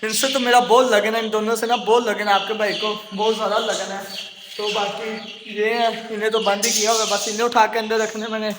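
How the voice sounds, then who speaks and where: While his birds eat, a man films a casual vlog outside by their cages, scolding them with affection. His high voice barely shifts in pitch and moves fairly quickly over background noise.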